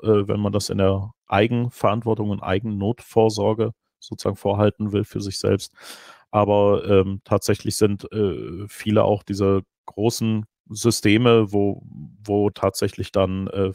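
A middle-aged man on a headset, answering questions at an online conference, animated but full of hesitations and restarts. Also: on the low side, no room sound, clean studio sound. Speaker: keynote speaker. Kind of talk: conference Q&A over video call.

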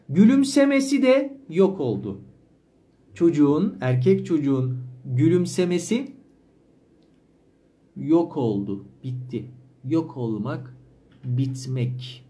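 A male language teacher reading a story aloud, pausing to repeat and explain words slowly. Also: on the high side, dark tone. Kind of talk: slow explanatory reading lesson.

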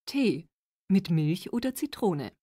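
A woman acting a friendly market seller in a scripted language-lesson dialogue, speaking slowly and clearly. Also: on the low side, no echo, clean studio sound, heavily acted. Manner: slow, even, clear delivery.

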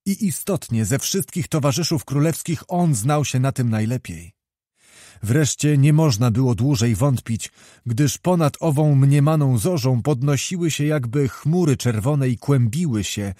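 A man reading a historical novel aloud as an audiobook narrator, in an even, unhurried storytelling manner. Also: mid-range voice, no echo, clean studio sound.

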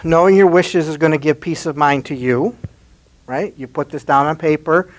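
A man's voice: a little high, moderate pace. A man giving a slide presentation at an adult education talk, speaking in a conversational, encouraging way and often tagging on rhetorical questions.

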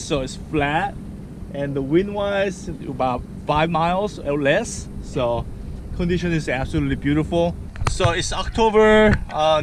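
A man hosting a fishing vlog from a small boat at sea, talking casually to a chest-mounted camera and reacting with excited exclamations. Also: fairly high pitch. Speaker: fishing vlogger host. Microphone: action camera on the chest. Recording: loud wind and boat noise outdoors.

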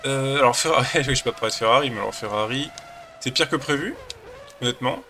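Slight background noise accompanies a fast-talking man with a cold who hosts a gaming channel. Rambling and hesitant, he chats casually through a racing game in a mid-range voice with a sharp tone.

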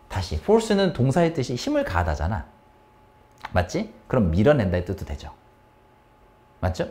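A man's voice: mid-range voice, a little mellow. A man teaching an English reading lesson, explaining step by step and constantly asking his students questions. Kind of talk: exam-prep lecture.

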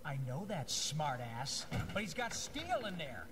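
A woman's voice: sits low, sing-song, a little slow, a loud crowd. A woman voicing a feisty, impatient young partner in a video game, urgent and snappy. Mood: exasperated. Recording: distant game audio under loud music.

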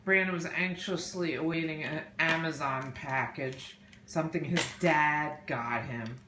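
Low-voiced woman in an echoey room. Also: unhurried. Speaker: mother filming a home video. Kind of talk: casual family chat. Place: small kitchen or dining room at home. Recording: roomy echo, distant, faint noise.

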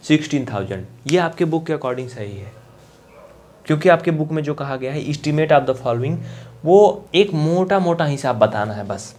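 Coaching class में समझाते मास्टरजी. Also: male voice, a little high, darkish tone. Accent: eastern Uttar Pradesh Hindi. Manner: chatty, coaxing, asks students to answer. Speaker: maths teacher. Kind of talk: live online maths class.

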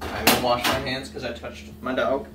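A young man vlogs casually about home cooking in a medium-pitched, level voice at normal speed, chatty and offhand with lots of fillers. The camera sits on the counter across his echoey home kitchen, so the audio is roomy, distant and noisy.

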